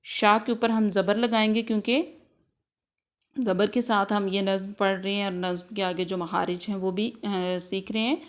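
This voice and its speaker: A woman with an Urdu accent leads a Quran recitation lesson in a steady, patient teaching voice. She drills each letter sound three times over and slips English words into her explanations. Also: mid-range voice, normal speed. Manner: mixes Urdu with English words like next, practice, examples. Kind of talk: tajweed lesson with repetition drills.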